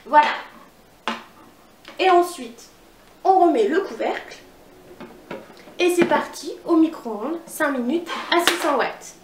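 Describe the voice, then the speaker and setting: Slow and animated, with long pauses, a high-pitched woman from northern France walks her viewers through a casual home cooking demo in an upbeat, chatty way. The echoey room, distant mic and background noise color the sound.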